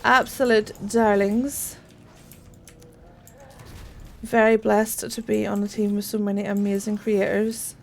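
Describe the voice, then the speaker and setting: A young woman streaming a game, chatting casually, swearing freely and squealing when excited. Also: mid-range voice, takes it slowly, vocal fry, long pauses. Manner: bubbly, swears freely, greets chat warmly. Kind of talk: casual gaming stream chat.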